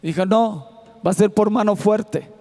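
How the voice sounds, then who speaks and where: A man's voice: sits high, a little slow, gravelly, dark tone. A man preaching a sermon in a church auditorium with a Mexican Spanish accent, sometimes half-singing his lines. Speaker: pastor.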